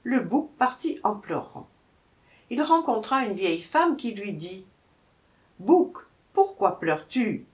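Slow, expressive woman storyteller. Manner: slow, expressive reading with wide pitch swings. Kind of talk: storybook narration.

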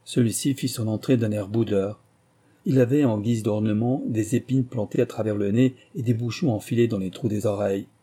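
A man narrating an adventure novel in a measured audiobook reading. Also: fairly low pitch, steady tone, mellow, slightly rough.

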